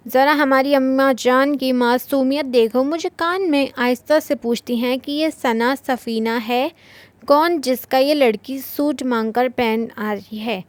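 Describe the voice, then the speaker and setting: A woman narrator voicing a young elder sister who gleefully mocks and mimics. The voice is high and close, with a dry sound. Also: a little slow, no echo. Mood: mocking. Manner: mocking, mimicking.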